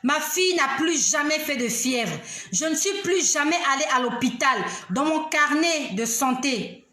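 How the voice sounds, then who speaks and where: A woman's voice: sits high, animated, unhurried, bright, forceful tone, reverberant. A middle-aged woman giving a spoken religious testimony, impassioned and rising to emphatic commands.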